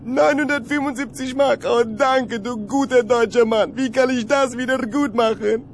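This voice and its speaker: Guy playing a dumb hijacker barking in broken english, highish voice, comedy sketch. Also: steady tone, moderate pace, a little hiss or hum. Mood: whiny. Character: blustering foreign male plane hijacker, gullible.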